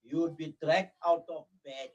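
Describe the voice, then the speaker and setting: A South African man answering as an interview guest, telling anecdotes with frequent "uh" pauses. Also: fairly high pitch, dull audio. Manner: hesitant, many "uh"s, steady storytelling. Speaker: interview guest, crime-prevention ambassador.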